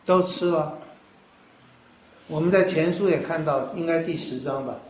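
A man with a fairly high voice preaches a sermon in an easy, conversational manner. He works through his points step by step and poses rhetorical questions. The recording has a roomy echo around him. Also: darkish tone. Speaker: pastor.

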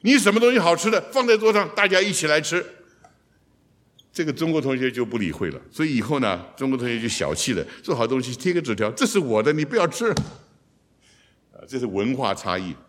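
A middle-aged man teaches through a scripture passage in a sermon, his voice leaping high and dropping low as he acts out the quoted lines. He speaks as a seasoned seminary teacher, explaining and questioning his listeners. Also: quick pace. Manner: animated, acts out quoted lines with sudden pitch jumps.

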